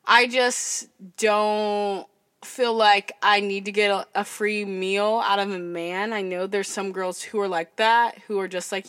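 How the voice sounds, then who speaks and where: A woman in her twenties from California, hosting a podcast and telling a story in a loud, chatty voice full of "like". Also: medium pitch, dry recording, clean studio sound. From California, USA. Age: 20s. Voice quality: loud speaking voice. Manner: chatty, fills speech with "like" and "I'm just like". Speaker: podcast host. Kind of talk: casual storytelling.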